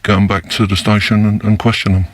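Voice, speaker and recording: An older man's voice, disguised and pushed very low, gives an interview for a news report. It stays dull and level, barely rising or falling. He talks slowly, pausing and filling gaps as he recalls events. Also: level tone, no room sound. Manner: slow, halting, with many fillers. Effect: disguised voice, pitched down deep. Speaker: former undercover police officer.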